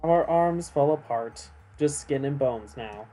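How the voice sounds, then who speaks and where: A man's voice: medium pitch, unhurried, dark tone, faint music behind. A man co-hosting a game stream, chatting playfully and dreaming up gross imagery. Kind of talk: casual stream banter.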